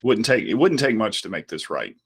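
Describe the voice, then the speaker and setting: A man with a somewhat low voice chats easily on an advertising podcast. He agrees often and explains points in a friendly, coaching manner. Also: sing-song, fairly quick, slightly rough. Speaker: podcast co-host. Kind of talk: casual podcast chat about advertising.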